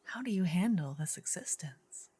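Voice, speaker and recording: A woman playing a gentle, earnest druid in an ASMR role-play, her soft female voice slipping between breathy soft voice and low murmur. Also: expressive, no room sound. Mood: weary, anxious. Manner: slow, gentle, intimate female voice with pauses. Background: soft medieval ambience and music.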